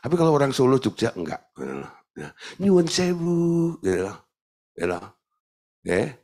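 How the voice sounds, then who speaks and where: Animated preaching man. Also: on the low side, normal speed. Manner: animated preaching with jokes and playful mimicry. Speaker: pastor. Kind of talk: sermon.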